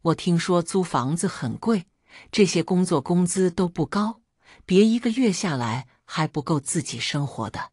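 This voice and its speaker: A woman's voice: fairly low pitch, animated, normal speed, darkish tone, slightly rough, dry recording, clean studio sound. A woman reading as a weary older mother. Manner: plain-spoken, tired and resentful.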